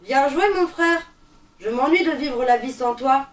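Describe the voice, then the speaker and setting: Woman playing an eight-year-old child, bossy, cheeky, high voice, echoey room. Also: unhurried. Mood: chattering. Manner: demanding and cheeky. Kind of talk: stage play reading. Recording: roomy, distant mic.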